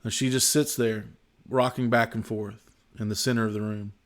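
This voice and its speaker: A man narrating as game master of a tabletop role-playing game, descriptive and unhurried, with frequent fillers. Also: on the low side, steady tone.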